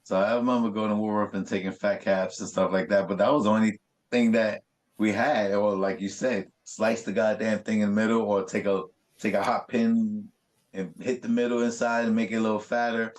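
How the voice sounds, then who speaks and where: A graffiti artist with a lowish voice speaks briskly in a casual interview. He tells animated stories packed with swearing and street slang.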